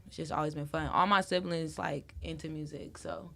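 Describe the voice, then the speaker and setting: A woman's voice: low-pitched, normal speed, vocal fry, crowd noise. Young woman, loose casual interview chat. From Wisconsin. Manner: loose and animated, heavy use of "like", laughs often. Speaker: interview guest, rapper.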